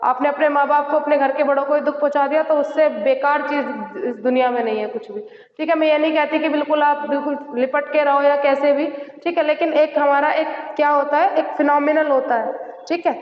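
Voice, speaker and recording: High-voiced woman teacher in an echoey room. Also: fairly even intonation, a little fast. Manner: mixes English phrases, repeats "theek hai" and "right?"; gives advice directly to students. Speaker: Hindi teacher. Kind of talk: online exam-prep lesson. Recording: echoey, dull lo-fi room sound.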